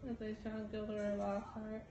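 A woman's voice: medium pitch, completely flat delivery, normal speed. A young woman, groggy and loopy from anesthesia, rambling casually with her speech muffled by gauze in her mouth. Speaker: patient recovering from wisdom teeth removal. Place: small bedroom, indoors. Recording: muffled phone video with noticeable noise.

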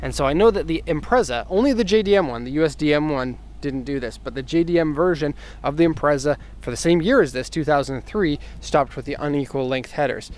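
A man's voice: fairly high pitch, a little fast, few pauses, darkish tone. A man giving a casual walkaround review of an imported car outdoors on a residential street, talking easily with fillers as he thinks aloud, recorded on a handheld camera mic. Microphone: handheld camera mic, filming himself off-camera.

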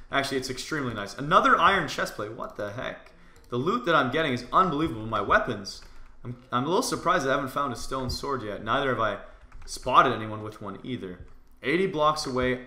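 Bright-voiced excitable young man gaming. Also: medium pitch, roomy sound. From Canada. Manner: excitable, jokey, bursts into loud shouts. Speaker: gaming YouTuber. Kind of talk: casual gameplay commentary.

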